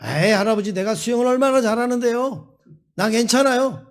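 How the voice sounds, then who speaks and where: A man voicing a cocky young man in a spoken sermon story, boastful at first and quick to complain. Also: very high voice. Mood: brash.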